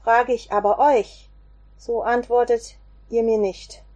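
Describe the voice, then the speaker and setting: A woman voicing a calm male teacher in a slow, measured, solemn way. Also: a little high, muffled recording.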